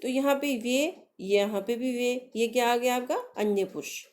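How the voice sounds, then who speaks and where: Slow, patient woman teaching grammar. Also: a little high, a little mellow. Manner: slow, patient, asks questions and answers them herself; addresses pupils affectionately. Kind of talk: Hindi grammar lesson for children.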